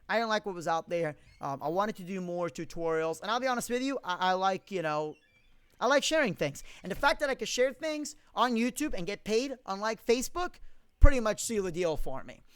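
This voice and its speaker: A young man with a high, smooth, clear voice hosts a casual live-stream Q&A, reading out viewer comments. He answers bluntly and profanely, ranting with strong opinions. The sound is close and dry, from a condenser mic in a home studio. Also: expressive, brisk, fairly bright tone, dry recording.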